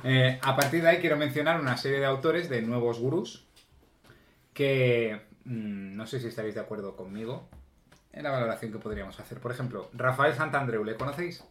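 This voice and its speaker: A man chatting on a podcast in a dry, joking way. His voice sits at a middle pitch. The room around him rings with noticeable echo. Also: a little fast, fairly bright tone, slight background noise. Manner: reads quotes aloud, wry and joking. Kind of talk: casual chat. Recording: echoey room.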